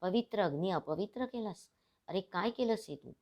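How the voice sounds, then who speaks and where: A woman's voice: low-pitched, normal speed, lo-fi sound. A woman reading as a stern old guru. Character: stern elderly male ascetic guru.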